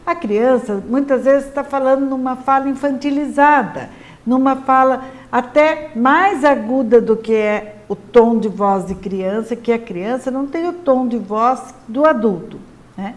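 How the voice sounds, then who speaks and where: A woman with a Brazilian Portuguese accent giving a patient, clear lesson to parents on helping children speak correctly. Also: a little high. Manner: patient, explanatory, models words slowly and clearly. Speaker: literacy teacher advising parents. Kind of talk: instructional talk to parents.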